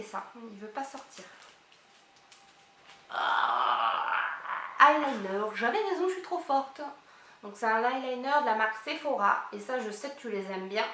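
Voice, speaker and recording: Woman beauty vlogger, high bright voice, excitable and chatty, roomy echoing home recording. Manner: chatty, excitable, thinks aloud. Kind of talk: casual unboxing chat. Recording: roomy echo, faint hiss.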